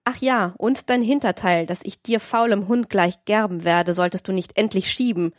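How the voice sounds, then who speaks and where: A woman's voice: mid-range voice, moderate pace, no room sound, close to an everyday voice. Lady playing a grumpy carter guy, snapping and mocking, dry audiobook read. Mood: scornful. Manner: scolding, mocking. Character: gruff grumbling male carter, short-tempered.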